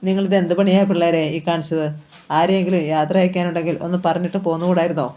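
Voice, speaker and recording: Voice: medium pitch, little pitch movement, quick pace, dark tone, natural voice. Commanding older mother, firm and controlled, read by the narrator.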